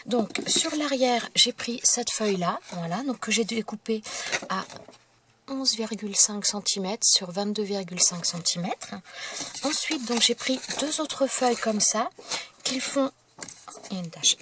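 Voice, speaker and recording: A woman talks through a crafting tutorial in a casual, unhurried manner, often pausing to find the right word as she works. Her voice sits at an ordinary middle pitch. Clear clicking noises run under the recording. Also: expressive, noisy background. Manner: unhurried, talks while working, searches for words. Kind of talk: casual step-by-step demonstration.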